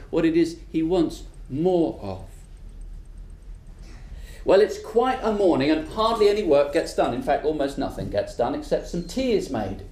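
A storyteller telling a folk tale in a lilting, drawn-out way who trails off softly on key words. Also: mid-range voice, echoey room.

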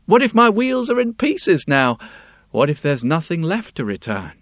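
A man's voice: a little high, huge pitch swings, brisk, fairly bright tone, no room sound, studio quality, exaggerated voice. A man voicing an anxious village wheelwright who stammers in panic, in a told story. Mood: worried.

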